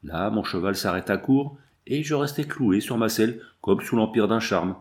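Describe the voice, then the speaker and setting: A man narrating an adventure novel in the first person, with a measured, dramatic reading. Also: on the low side. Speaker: audiobook narrator. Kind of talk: scripted narration.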